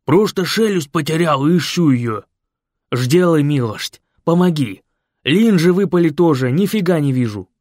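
A man voicing a loud, jolly bearded biker who has lost his dentures and lisps through mushy, toothless speech. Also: fairly high pitch, expressive, moderate pace, no room sound, clean studio sound, voice pushed up. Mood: agitated shouting. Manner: shouting, boisterous, drawn out.

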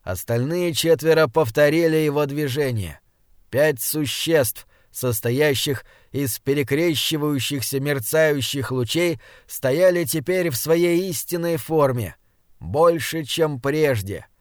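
A man's voice: a little high, slow, no echo. Man narrating fantasy audiobook, dry close sound. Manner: steady, dramatic reading. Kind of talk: scripted narration.

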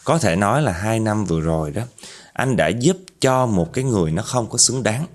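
Low-voiced Southern Vietnamese male storyteller. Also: expressive, brisk. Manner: conversational, addresses listeners directly. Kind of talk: spoken true-story narration.

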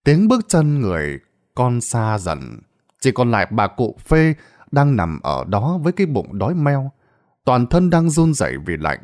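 A man's voice: mid-range voice, wildly swooping pitch, measured pace, a little mellow. A man narrating a Vietnamese ghost story in a dramatic storytelling style.

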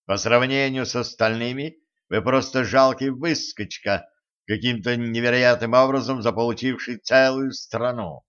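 A man's voice: medium pitch, fairly even intonation, normal speed, fairly bright tone, smooth, muffled recording, natural voice. A man voicing a coldly polite, mocking enemy. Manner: sardonic, menacingly polite. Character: cold, mocking male adversary, coolly polite.

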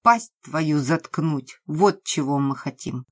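A woman voicing a drunk, coarse, brutal woman who speaks in rough, threatening slang in an audiobook. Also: low voice, slow pace. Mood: menacing.

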